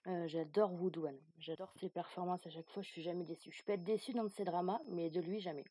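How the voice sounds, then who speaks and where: A woman guest on a podcast, answering questions candidly, quickly and in a relaxed way. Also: lowish voice, husky, no echo. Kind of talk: casual interview answers.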